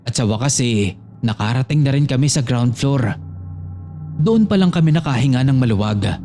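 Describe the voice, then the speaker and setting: A man's voice: medium pitch, expressive, normal speed, warm tone. A man narrating a true horror story submitted by a listener, reading it in the first person as a scripted storytelling piece. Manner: storytelling, reads a listener's letter addressed to the host.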